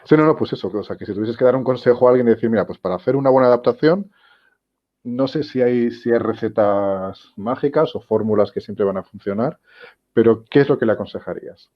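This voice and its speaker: A man's voice: medium pitch, fairly quick. A man interviewing a guest, asking rambling questions with many restarts in a casual video-call chat. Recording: dull lo-fi video-call sound.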